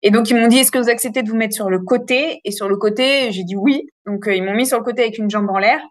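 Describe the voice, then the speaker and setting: Woman in her 30s telling her story, kinda high voice, lots of euh, dry close sound. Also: fast, dry recording. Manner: animated, frank storytelling with many fillers. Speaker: interview guest. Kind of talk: casual birth story.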